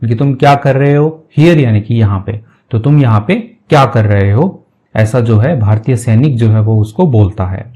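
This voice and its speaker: Guy teaching english, mellow voice, reads slow then explains every word. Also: mid-range voice. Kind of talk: explanatory lesson, translating English to Hindi.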